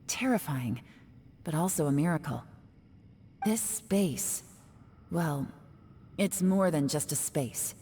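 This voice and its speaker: An actress playing a composed young woman mystic and strategist in a fantasy video game, speaking in a measured, articulate, solemn way. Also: low-pitched, expressive, warm tone, a little hiss or hum. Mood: grave, reflective. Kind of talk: dramatic video game voice acting.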